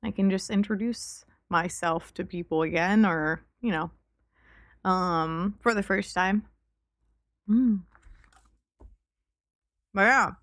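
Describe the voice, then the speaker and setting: A woman livestreamer chatting casually with her viewers, relaxed and informal, swearing now and then. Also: medium pitch, takes it slowly, pauses often, no echo, studio quality. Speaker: livestreamer and VTuber.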